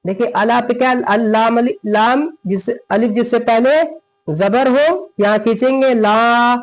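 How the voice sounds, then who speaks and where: A man teaching Quran recitation step by step, drawing out each word slowly and then explaining quickly, often correcting with "not like this". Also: very high-pitched, poor audio. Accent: Hindustani.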